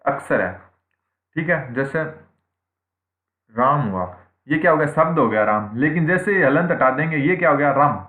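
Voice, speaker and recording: This man's voice is on the high side and animated, moving at normal speed with long pauses. He teaches Hindi grammar in an online exam-prep class, repeating points, asking and answering his own questions, and saying "theek hai" after almost every point, all in an echoey room with tinny, phone-like sound.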